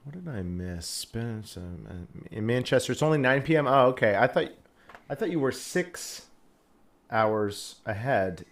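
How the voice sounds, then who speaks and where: A man's voice: medium pitch, animated, unhurried. A man hosting a casual live stream who rambles through a jokey story. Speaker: host.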